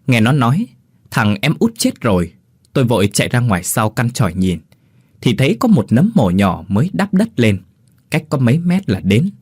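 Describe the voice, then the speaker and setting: A man reading a ghost story aloud in an expressive storytelling manner. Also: mid-range voice, moderate pace, breathy edge, no room sound, studio quality. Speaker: narrator. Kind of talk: scripted ghost story narration.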